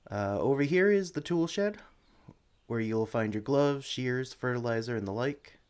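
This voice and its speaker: Smooth and lightly acted, a mid-range male voice at normal speed carries this ASMR roleplay, expressive throughout. The voice actor is a friendly, experienced Pokemon sanctuary worker showing a newcomer around, upbeat and encouraging in a one-sided conversation, gently chatting and cooing to the creatures.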